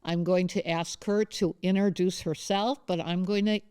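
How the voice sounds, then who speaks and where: Female professor host, low-pitched, smooth and clear, dry close sound, loose rambling delivery. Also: steady tone, moderate pace, mellow, no echo. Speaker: professor and interviewer. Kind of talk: conversational interview. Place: campus studio.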